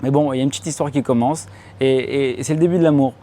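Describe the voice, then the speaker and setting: Young man doing animated stand-up. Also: fast. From France. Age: young adult. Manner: animated storytelling, acts out voices with loud high outbursts; slangy casual French, addresses audience directly. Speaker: stand-up comedian. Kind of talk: stand-up comedy set. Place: comedy club stage before a live audience.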